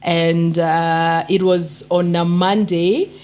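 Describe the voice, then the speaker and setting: A woman from Kenya with a croaky voice, telling her own story on a podcast. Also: on the low side, slow. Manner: animated storyteller, quotes others. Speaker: podcast co-host. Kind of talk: personal storytelling.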